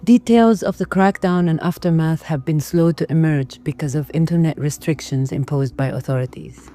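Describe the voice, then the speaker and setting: A woman's voice: low voice, normal speed, mellow. A woman reading scripted news narration as a reporter. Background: music.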